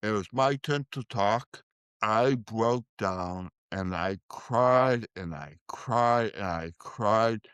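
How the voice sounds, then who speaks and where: A man's voice: on the low side, slow, a bit bright, clean tone, no room sound. A middle-aged man, a guest telling his life story and acting out the quoted voices. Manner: emotional storytelling, acts out quoted dialogue. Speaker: podcast guest. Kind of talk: storytelling interview.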